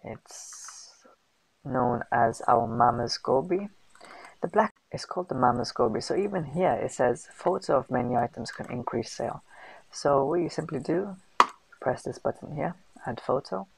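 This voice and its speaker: Gravelly man, casual tutorial chat. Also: fairly high pitch, expressive, moderate pace, no echo, rough recording. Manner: chatty, filler-heavy, British slang. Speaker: host of a food business channel. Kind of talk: casual screen-recorded tutorial. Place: voice-over on a screen recording.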